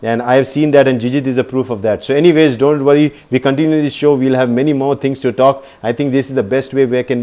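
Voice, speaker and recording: A man's voice: mid-range voice, darkish tone. Chatty male live-stream host. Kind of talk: live-stream business talk.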